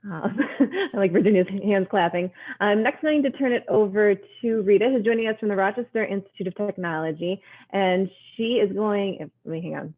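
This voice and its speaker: A woman's voice: mid-range voice, brisk. A woman hosting a video call event, introducing the next speaker in a chatty, self-deprecating way with ums. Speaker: event host. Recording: tinny phone-like line.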